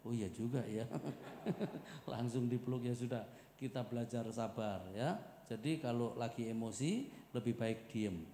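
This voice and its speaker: A middle-aged man preaching a marriage seminar sermon, joking, loud and animated, calling for amen. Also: mid-range voice, measured pace, a little hiss or hum. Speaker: pastor. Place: church hall. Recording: echoey church hall with long reverb.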